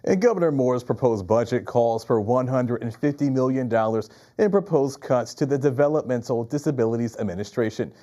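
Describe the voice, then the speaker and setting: A male news anchor with an American accent delivers scripted copy in a mellow, soft-edged voice. His pitch sits in the middle range for a man. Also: animated, brisk, few pauses.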